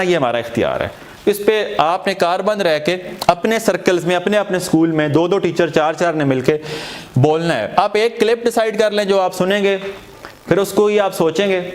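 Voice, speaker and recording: A man with a high voice that swings widely up and down as he lectures a room of teachers. He sounds earnest and encouraging, turning straight to his listeners as he coaches them. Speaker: teacher trainer. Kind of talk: motivational training lecture. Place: training room before a group of teachers.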